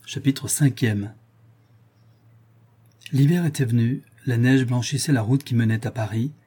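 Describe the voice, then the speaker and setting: Guy reading a classic novel aloud, measured, mellow husky voice. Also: medium pitch. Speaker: narrator.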